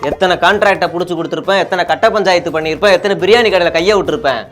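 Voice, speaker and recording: A man's voice: a little high, a little fast, over music, natural voice. A man playing an aggrieved middle-aged party loyalist who begs his leader for a post and then curses him. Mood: bitter. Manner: pleading then cursing, repeats "leader".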